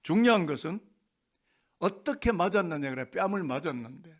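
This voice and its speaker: A man's voice: on the high side, lively intonation, moderate pace. A man preaching a Sunday sermon as pastor, asking the congregation rhetorical questions. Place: church sanctuary.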